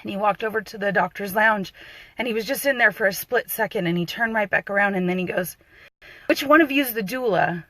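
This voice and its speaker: A doula telling a personal birth story, her voice emotional and close to tears, halting with frequent restarts. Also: mid-range voice, fairly even intonation, a bit bright, no room sound, low-quality recording.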